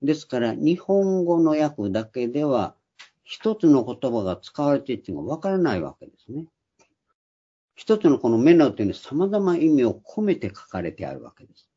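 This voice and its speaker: Older man, husky and dark-voiced. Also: medium pitch, very animated, normal speed. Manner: explanatory, with frequent hesitant fillers. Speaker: Bible teacher. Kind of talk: Bible study lecture. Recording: dull lo-fi recording.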